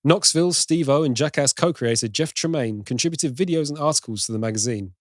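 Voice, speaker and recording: A man's voice: on the high side, a little fast, no echo, clean studio sound. A British man co-hosting a casual film podcast, reading out trivia in long runs and laughing easily. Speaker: podcast co-host.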